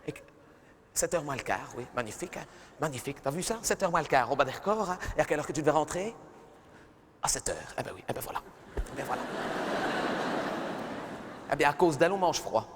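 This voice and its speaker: A man's voice: fairly high pitch, lively intonation, a little fast, pauses often, slight background noise, lightly acted. A man voicing a nagging middle-aged mother who scolds her daughter in a live stand-up sketch, fussing and repeating herself. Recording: reverberant live arena recording.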